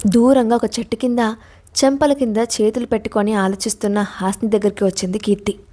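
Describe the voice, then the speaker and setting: A woman narrating a suspense story in an expressive, scripted storytelling voice. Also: medium pitch, brisk.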